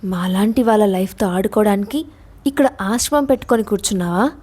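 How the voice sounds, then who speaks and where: A woman plays a fiery, blunt young woman in a storybook audio drama, scolding hard and refusing to back down. Her voice sits at an ordinary middle pitch. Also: brisk, dark tone, lightly acted. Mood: angry. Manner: angry, scolding.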